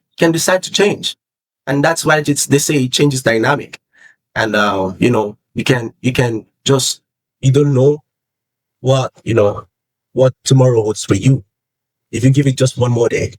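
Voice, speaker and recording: Speaking straight to camera, this young Nigerian vlogger with a Yoruba accent offers sincere personal advice and repeats himself for emphasis. His pitch is medium, and the rough recording carries no room sound.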